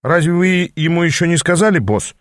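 A man's voice: on the high side, expressive, a little fast, dry recording, studio quality, voice pushed up, natural voice. A man voicing a sly male imp who speaks with false innocence.

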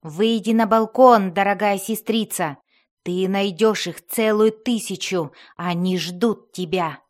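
A woman's voice: medium pitch, slow pace, lightly acted. Woman voicing a cold, defiant young warrior. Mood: mocking.

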